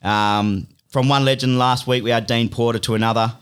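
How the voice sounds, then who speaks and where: A man's voice: mid-range voice, fairly even intonation, normal speed, a bit bright, clean tone. A young Australian man hosting a casual podcast while hungover, bantering and interviewing in slangy, laddish, sweary talk. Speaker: podcast host. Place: podcast studio.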